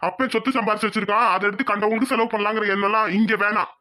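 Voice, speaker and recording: A proud, tight-fisted village father in a cartoon, scolding his family about his hard-earned wealth, as a man acts him out. His voice is high and bright, and the words come fast in a sharp, lecturing tone. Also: fairly even intonation. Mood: angry. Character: stern proud village father, harsh and miserly. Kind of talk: cartoon voice acting.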